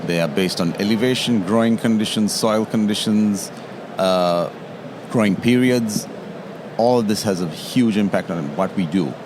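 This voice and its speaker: A Sri Lankan tea taster explains his trade in an interview, speaking at normal speed in a fairly low male voice. He's explanatory and keeps tagging his statements with "yeah?" to check in. The recording comes from a noisy trade show floor.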